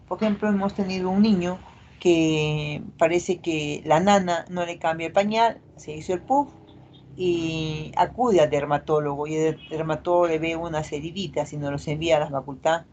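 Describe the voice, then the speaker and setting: A woman's voice: sits low, steady tone, normal speed, a little mellow, slight background noise, rough recording. A middle-aged woman doctor, lecturing a class and checking in with tag questions. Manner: explanatory, frequent tag questions.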